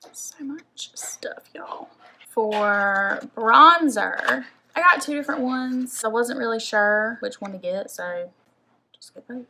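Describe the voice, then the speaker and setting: A woman's voice: on the high side, bright, forceful tone, a little hiss or hum. A young woman from the American South, chatting casually as a beauty vlogger and saying "like" a lot. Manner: chatty, rambling, says "like" often. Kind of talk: casual makeup haul chat.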